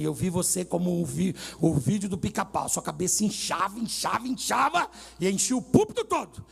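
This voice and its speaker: A man preaching loudly in a church, telling stories with humor and dramatic swings. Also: high-pitched, gravelly, husky. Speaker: pastor. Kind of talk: sermon.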